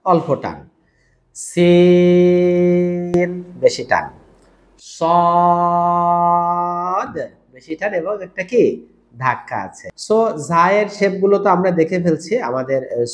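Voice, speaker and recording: A man teaching Quran letters step by step, patiently repeating each sound in a slow, drawn-out way. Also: on the high side, echoey room. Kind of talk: step-by-step recitation lesson.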